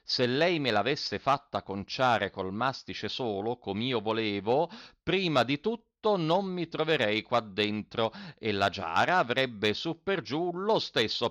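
A man voicing a sly, placid tinker who answers in a slow, mocking way. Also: mid-range voice, a bit bright, no echo. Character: sly placid male tinker inside a jar.

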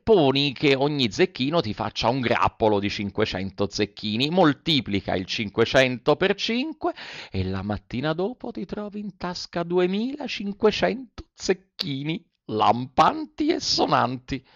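A man voicing a sly, flattering male fox who talks smoothly to win someone over. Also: medium pitch, unhurried, no echo, lo-fi sound. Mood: coaxing. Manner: persuasive, coaxing storyteller delivery.

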